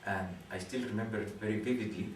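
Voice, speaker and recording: Interviewed about his work, a young astronomy PhD student from Guatemala talks thoughtfully but haltingly in his second language, English, with many fillers and restarts. His voice is on the low side and his tone steady. He sounds distant, recorded in a roomy space with faint noise behind.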